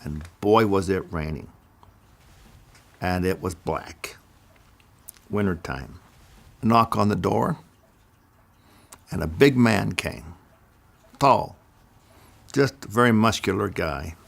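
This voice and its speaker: An older man with a low, gravelly voice tells his story at a very unhurried pace. His delivery is measured and deliberate, with careful pauses between phrases. He comes from Idaho. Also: animated, fairly bright tone. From Idaho, USA. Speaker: speaker giving a personal testimony. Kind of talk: slow first-person storytelling.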